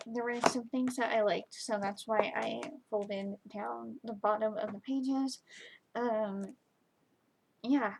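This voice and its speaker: A woman giving a chatty, informal book review to camera, halting and often trailing off mid-thought. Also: on the high side, slightly rough, low-quality recording. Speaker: book reviewer, video host.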